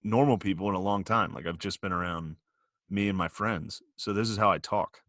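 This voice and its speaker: A man's voice: deep voice, brisk, fairly bright tone, no room sound, clean studio sound. A man co-hosting a podcast in casual chat, telling rambling, profane stories and laughing often. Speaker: podcast co-host.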